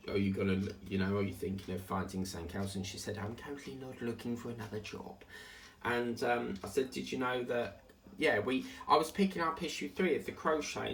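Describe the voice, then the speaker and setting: A crafting channel host with a medium-pitched, gravelly, slightly bright voice rambles casually about his day while working at his craft table. His Essex accent carries a South African tinge, and he's chatty and digressive, humming and singing to himself over slight background noise.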